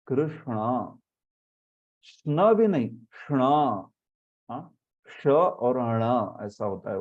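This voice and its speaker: A man leading a scripture class who explains by example and sounds out words slowly. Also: mid-range voice, mellow. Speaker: spiritual teacher. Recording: muffled lo-fi audio.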